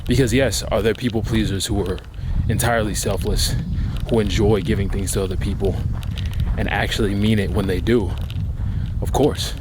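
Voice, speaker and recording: Low-voiced man vlogging on a walk. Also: fairly even intonation, brisk. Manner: talking while out walking. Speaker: vlogger giving life advice. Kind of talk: casual reflective talk to camera. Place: outdoors on a walk. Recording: outdoor city ambience, clear background noise. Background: outdoor urban noise, vehicles.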